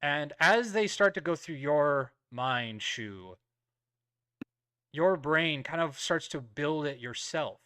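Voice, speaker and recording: A man's voice: on the high side, lively intonation, takes it slowly, fairly bright tone, clean tone, no echo, clean studio sound. A man acting as game master, narrating a tabletop game casually and improvising in a hesitant way.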